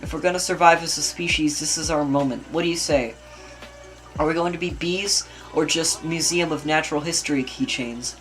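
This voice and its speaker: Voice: mid-range voice, fairly quick, a bit bright, lightly acted. A home reader voices an earnest male bee in a casual script reading. He rallies his fellow bees in a mid-range, everyday voice. The music underneath is faint. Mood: rallying.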